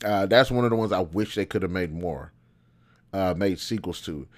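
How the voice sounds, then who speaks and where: A man with a low-pitched voice and moderate pace hosts a show about video game movies. He muses aloud, giving informal, slangy, opinionated commentary.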